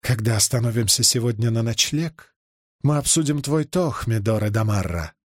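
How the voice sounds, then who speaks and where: A proud young noblewoman who speaks in a formal, ceremonious way that turns every request into a demand, with a strong accent, as a male narrator puts her on. The delivery is measured and close, with a dry sound in an audiobook reading. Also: mid-range voice, lively intonation, no echo, lightly acted. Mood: stern. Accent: strong foreign-sounding accent, as the figure.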